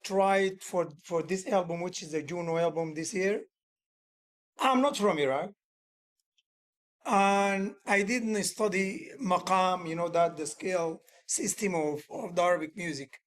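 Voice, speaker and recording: A slightly bright, high-pitched male voice moves at a measured pace. It belongs to a musician and music teacher in a laid-back workshop, who rambles earnestly, uses loose grammar, and keeps restarting what he's saying.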